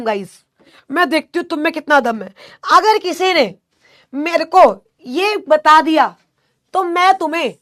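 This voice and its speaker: A woman's voice: sits high, a bit bright. A young woman teaching an online class with a sore throat, drilling her students with call-and-response and teasing scolds.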